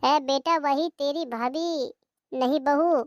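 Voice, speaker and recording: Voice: sits high, fairly even intonation, slow pace, highs cut off, very noisy. A voice artist voicing an older village mother-in-law who complains and laments in rustic speech, for a cartoon. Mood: lamenting.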